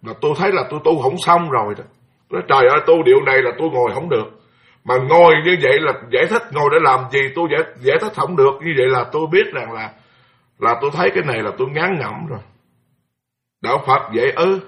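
Male monk, lively storytelling sermon, somewhat high pitch. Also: quick pace. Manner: animated, exclaiming, mimics chanting for effect. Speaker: Buddhist monk giving a dharma talk. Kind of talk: sermon told as personal anecdote.

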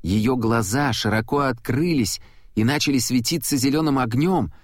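A man narrating an audiobook in a steady, measured reading voice. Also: medium pitch, dry recording, clean studio sound.

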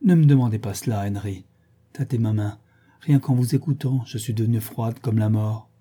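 A man's voice: lowish voice, normal speed, warm tone, husky. A man reading the lines of a frightened, tender young Englishwoman in an audiobook, pleading and trembling. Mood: fearful.

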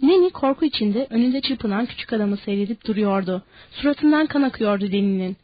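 A woman narrating an audiobook in a steady, measured reading. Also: medium pitch, no echo, dull audio.

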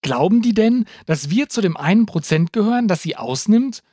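A man's voice: mid-range voice, animated, moderate pace, a little mellow, dry recording, clean studio sound, close to an everyday voice. A man voicing an anxious, panicky male plantation owner who sounds frightened and pleading. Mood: panicked.

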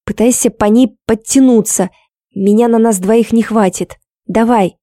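Raspy worn-out woman, as the reader does her yelling orders, dry close sound. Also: a little high, fairly even intonation, measured pace, dry recording, close to an everyday voice. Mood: commanding. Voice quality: hoarse, raspy. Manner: barking curt orders. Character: exhausted, hoarse, commanding woman rescuer.

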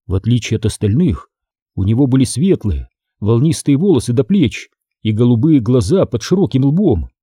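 A man reads an adventure story aloud with a very dark, husky tone. His delivery is lively and expressive, and the recording is dry and close. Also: mid-range voice, normal speed, no room sound. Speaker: audiobook narrator. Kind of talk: scripted audiobook narration.

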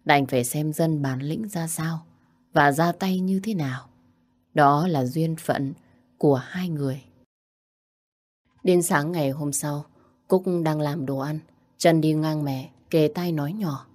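Brief: female audiobook narrator, deep-toned, steady measured read. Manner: even, measured storytelling. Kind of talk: scripted story narration.

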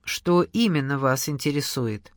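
A reader voicing a calm, obliging middle-aged male university scientist in an audiobook, measured and reassuring. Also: medium pitch, no room sound, studio quality, voice pushed down, lightly acted. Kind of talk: audiobook character reading.

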